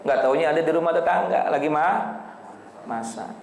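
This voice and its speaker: A man's voice: on the high side, normal speed, creaky, a little hiss or hum. A man preaching, telling stories in a folksy way and asking the crowd questions. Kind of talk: lively sermon storytelling. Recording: echoey hall.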